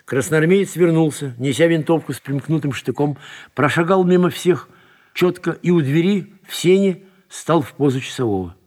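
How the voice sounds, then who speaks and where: A man narrating a literary story aloud, with an expressive and dramatic reading. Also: a little high, moderate pace.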